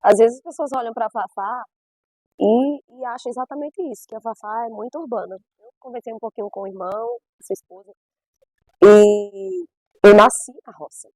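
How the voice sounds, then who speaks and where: A woman's voice: a little high, expressive, normal speed, creaky, a little mellow, breathy edge, dry recording, rough recording. A middle-aged woman from Brazil's Northeast, a gospel singer giving her testimony in an emphatic, storytelling way with repeated phrases. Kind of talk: personal testimony.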